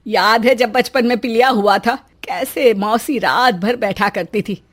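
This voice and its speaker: A patient older mother-in-law from a cartoon story, voiced by a woman. She talks gently and pleads softly. Her voice sits a little high. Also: unhurried. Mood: gentle. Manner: gentle, soft-spoken, pleading.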